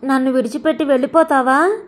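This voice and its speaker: A woman voicing a young adult grandson in an audio story, speaking softly and tenderly to his grandmother. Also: high voice, fairly even intonation, fast, natural voice. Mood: pleading. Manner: soft, pleading delivery.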